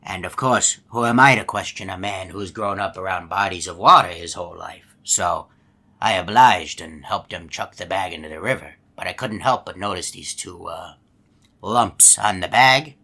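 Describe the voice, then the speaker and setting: An actor playing a folksy, long-winded, gullible hippo animatronic in a video game, telling stories in a polite, meandering way. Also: male voice, low-pitched, moderate pace, vocal fry, sharp tone, exaggerated voice. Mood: mildly puzzled. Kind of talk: video game character monologue.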